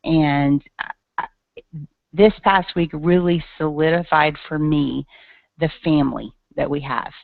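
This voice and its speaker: A woman's voice: deep voice, takes it slowly, vocal fry, long pauses, dry recording. Woman, Tennessee accent, earnest chatty presenter, dry close sound, thin phone-like audio. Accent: Tennessee Southern US. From Tennessee, USA. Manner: chatty, earnest, frequent ums. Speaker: guest speaker. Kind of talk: online business presentation. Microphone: video call. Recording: tinny dry call audio.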